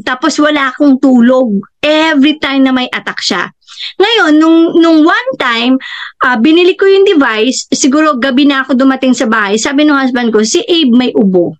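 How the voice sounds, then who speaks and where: A middle-aged woman giving a personal testimonial, telling her family's story in an animated way and jumping high when she quotes others. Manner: animated, acts out quoted family members with sudden high-pitched jumps. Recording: dull, slightly lo-fi recording.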